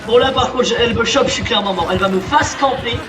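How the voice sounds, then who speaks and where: A man's voice: extremely high pitch, quick pace. A man giving casual, joking commentary while he plays a game, chatting to the characters on screen. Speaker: gamer. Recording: echoey, distant mic, game music. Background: game music.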